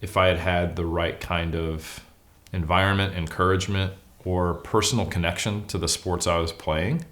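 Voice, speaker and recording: Speaking at a moderate pace with fairly even intonation, a low-voiced Californian guest shares personal stories. He is forty, American-accented, a bodybuilder who is also an academic, and his candid, casual talk carries a self-deprecating streak over slightly bright audio.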